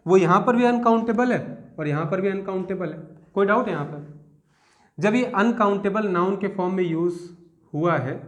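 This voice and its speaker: A young man with a Hindi accent teaching a grammar lesson, explaining step by step, asking students questions and reading example sentences out slowly. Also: sits high.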